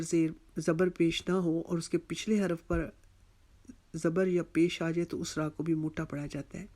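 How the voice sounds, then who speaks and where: A Quran recitation teacher, slowly explaining tajweed and repeating each word, drawing out chanted words. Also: dark tone. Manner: slow, patient, repeats each word and drills pronunciation; chants the verse words drawn out and higher.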